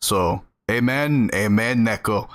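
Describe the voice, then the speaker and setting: A fairly low-pitched, slow-speaking man from the Southern United States streams himself gaming. In casual live-stream chat, he talks earnestly with his audience and answers their comments between plays.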